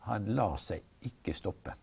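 A male preacher in an earnest, measured Bible discussion, explaining and telling stories. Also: on the low side, expressive, gravelly, a little mellow, breathy edge. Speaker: preacher, guest.

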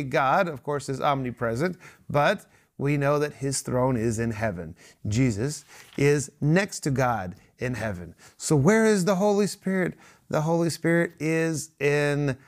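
Speaking unhurriedly in a somewhat high voice, a man presents a studio Bible study program, greeting guests and guiding them in prayer. He encourages others warmly, punctuating things with frequent amens.

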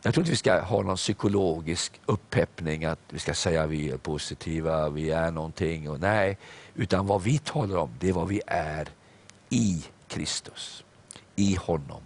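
A deep-voiced man preaches a sermon on a broadcast program, reading scripture aloud and acting out its dialogue. He uses some "eh"s and repeats words.

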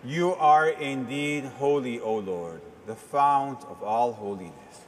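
A man speaking as a priest at Mass, reciting liturgical prayers in a measured, formal way with a cathedral-like echo. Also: medium pitch. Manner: measured, formal delivery in short phrases. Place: large reverberant church. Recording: cathedral-like echo, long church reverb, background noise.

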